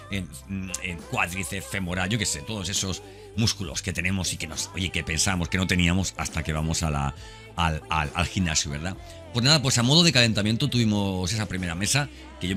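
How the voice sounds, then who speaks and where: A podcast host from Spain delivers a casual, enthusiastic monologue in a deep, bright, forceful voice with a Spanish accent. His manner is conversational, he repeats words, and he keeps checking for agreement with tag questions.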